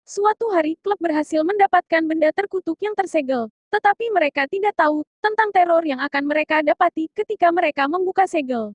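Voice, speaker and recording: Very high-pitched woman narrating an anime list. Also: dry recording. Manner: addresses fans as an anime presenter. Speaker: host of an anime recommendation list. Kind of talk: scripted narration.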